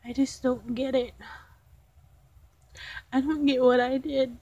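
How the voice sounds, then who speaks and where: A woman on the verge of tears talks straight to her viewers, her slightly high voice slow and halting. The home recording is dry and dull, with a muffled lo-fi sound. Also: level tone. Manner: slow, halting, soft-spoken. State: tearful, holding back crying. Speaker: vlogger. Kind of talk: emotional personal confession to viewers.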